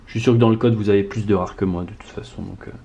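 A man vlogging at home as he opens trading card packs, talking casually and swinging between low mutters and loud excited outbursts. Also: rapid-fire, creaky, slightly rough, highs cut off. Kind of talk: casual card-opening vlog. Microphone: camera mic on tripod.

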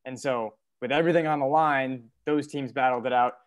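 A man's voice: mid-range voice, steady tone, a little fast. A young man hosting a casual sports recap show, steering the talk between guests over a video call with earbuds from a dim living room. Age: young adult. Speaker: host. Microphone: earbud headset on video call.

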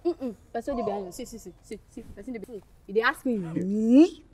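A woman's voice: on the high side, animated, fast, over a noisy crowd, natural voice. A woman with a Nigerian accent playing a teasing schoolgirl who bosses a new student around. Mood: bossy. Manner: teasing, ordering others around. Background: music.

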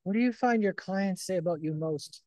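Friendly interview host, mid pitch, dry close sound. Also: normal speed, a little mellow, no room sound, poor audio. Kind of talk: casual interview chat.

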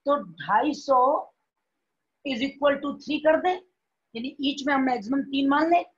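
Slow, high-voiced Indian woman teacher. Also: lively intonation, highs cut off. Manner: repeats points and keeps checking students understand. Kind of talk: classroom biology lecture.

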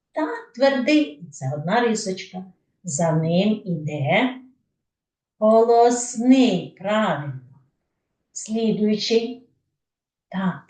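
Ukrainian kindergarten teacher lady, slow patient lesson voice, roomy echo. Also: medium pitch, a little mellow. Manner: patient, asks questions then answers them herself. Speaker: preschool teacher. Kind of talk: slow didactic lesson for young children. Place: kindergarten room. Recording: echoey room, voice from a distance.

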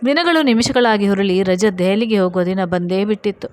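A woman narrating a scripted love story at an even, steady reading pace. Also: medium pitch, fairly quick, clear, resonant tone, low-quality recording.

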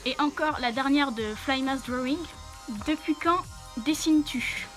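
A young woman answering viewer questions while wearing a costume head, so her voice comes through muffled. She speaks high, with frequent hesitant fillers between short phrases. Faint music plays quietly behind her. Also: a little slow. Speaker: channel host answering questions. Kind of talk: casual Q&A vlog.

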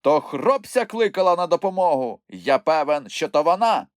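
A man voicing a brave, hot-tempered young male troll in a storybook reading, quick to shout and scold. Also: medium pitch, sing-song, dry recording, clean studio sound, voice pushed up, lightly acted. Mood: angry. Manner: shouting insults, quick to anger. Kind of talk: audiobook character voice.

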